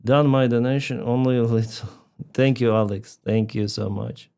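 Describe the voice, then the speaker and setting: Reading donor names and donations aloud on a live stream, this chatty man from Crimea laughs a lot; Russian is his first language and he has a Ukrainian accent. He speaks at a moderate pace with a mid-range, creaky, dark yet smooth voice and fairly even intonation.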